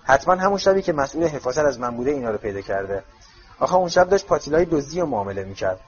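A man's voice: fairly high pitch, big pitch swings. A man reading an earnest teenage boy. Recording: dull lo-fi audio.

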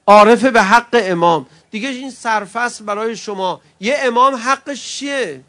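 A man with a notably high voice preaches an emotional religious sermon. He moves from soaring, impassioned cries down to hushed, close words for his listeners. His tone toward the crowd is friendly and familiar. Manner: swings between loud impassioned cries and soft, intimate address to the audience; chummy, calls listeners friends. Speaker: preacher at a mourning gathering.

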